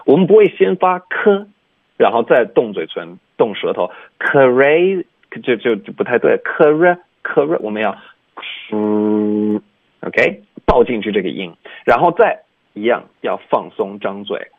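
Male language teacher, mid-pitched, patient explainer, dry tinny phone-line sound. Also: very animated, a little fast, breathy edge, no room sound. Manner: explains patiently, demonstrating English sounds with exaggerated articulation. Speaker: English pronunciation teacher. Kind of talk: radio language lesson.

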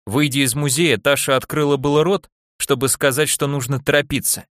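A man narrating an audiobook in a steady, even storytelling manner. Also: mid-range voice, a little fast, no echo, studio quality. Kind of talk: scripted narration.

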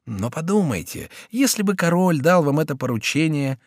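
Brief: man as a polite, officious gatekeeper, lively intonation, dry. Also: fairly high pitch, no echo, pitched above the performer's own voice. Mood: insistent. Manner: courteous, apologetic, hurried. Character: polite, fussy male gate officer.

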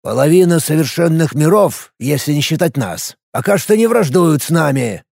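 A man's voice: on the high side, animated, normal speed, creaky, darkish tone, breathy edge, dry recording, studio quality, full character voice. A man voicing an anxious male minister who pleads and grows agitated in a storybook reading. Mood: defensive.

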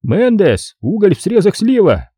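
A man's voice: high-pitched, sing-song, unhurried, warm tone, breathy edge, no room sound, studio quality, pitched above the performer's own voice, heavily acted. A man putting on a brusque Brooklyn police sergeant. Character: gruff Brooklyn police desk sergeant, impatient, mangling words.

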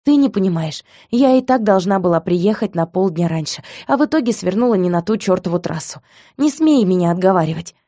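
A woman reading an audiobook, voicing a defiant young woman who talks in a sharp, high, mocking way. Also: lively intonation, brisk.

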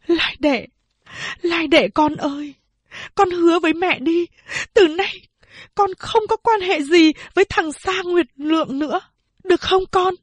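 A stern, anguished mother, her voice rising high and husky as she pleads and scolds, as a woman narrator acts her out. She is a storybook figure, fierce and desperate. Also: moderate pace, dry recording, lightly acted. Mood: pleading.

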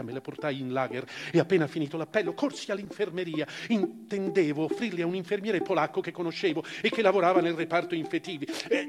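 Voicing a former camp prisoner who looks back on his past with grave reflection, a male actor with a fairly high pitch reads a literary memoir in a measured, dramatic way. This live stage reading for radio takes place in a long reverberant hall, with live music playing.

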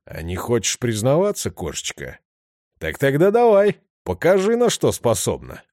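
Narrator putting on a leering heavyset thug, coarse, growling, swings from low mutters to loud barks, dry close recording. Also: male voice, wildly swooping pitch, moderate pace, no echo. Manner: growling, aggressive. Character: crude menacing heavyset man, middle-aged.

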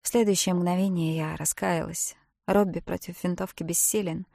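A woman narrating a novel in the first person, reading expressively and softening to a hush at tense moments. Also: lowish voice, steady tone, normal speed, vocal fry, no room sound, clean studio sound. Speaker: audiobook narrator.

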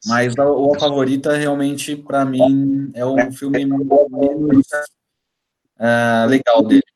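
A man's voice: mid-range voice, level tone, slow pace, a little mellow, faint music behind. A Brazilian man speaking in an easygoing way as a panelist in a casual roundtable chat. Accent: Brazilian Portuguese.

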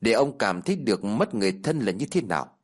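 A man voicing the remorseful ghost of an orphan boy who speaks flatly and without fear. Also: fairly low pitch, fast talker. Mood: somber. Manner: flat, unafraid, heavy-hearted.

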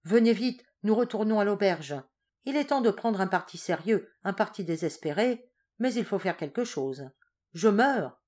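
A woman voicing a pale, agitated young man in a storybook reading, telling his news with hurried urgency. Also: on the low side, expressive, darkish tone. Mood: alarmed.

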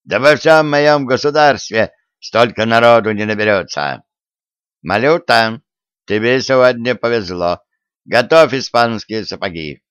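Man voicing a gruff, commanding old-style tsar. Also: mid-range voice, expressive, a little slow, fairly bright tone, no echo. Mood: angry. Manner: archaic folksy speech, commanding. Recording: dull, lo-fi dry audiobook.

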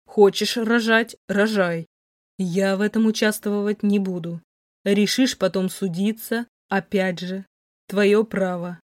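A woman voicing a cold, contemptuous wealthy young man who drawls slowly and mockingly, recorded dry. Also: medium pitch, fairly even intonation, no room sound, lightly acted. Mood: coldly dismissive. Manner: slow, mocking, icy drawl.

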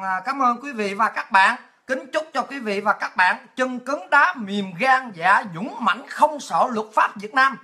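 Here a Vietnamese-born woman running a livestream talk show launches into a crude, abusive rant. Her forceful, sharp voice sits a little high, and laughter keeps interrupting her.

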